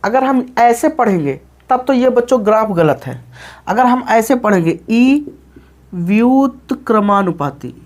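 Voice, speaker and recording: A man's voice: extremely high pitch, a little mellow. A male physics teacher lecturing a class, who repeats himself, asks questions and answers them, and often checks that the students follow. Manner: calls the students "children" and checks "okay?" often. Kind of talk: classroom lecture explaining graphs.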